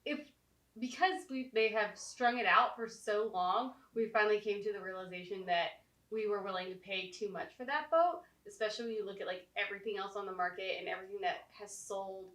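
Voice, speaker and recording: A woman vlogging casually at home, talking in halting, restarting phrases with a slight lisp from new teeth aligners. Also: medium pitch, fairly bright tone. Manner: halting, frustrated, many restarts. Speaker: vlogger, co-host of a sailing channel. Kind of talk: casual chat to camera. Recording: echoey room, distant mic, faint music.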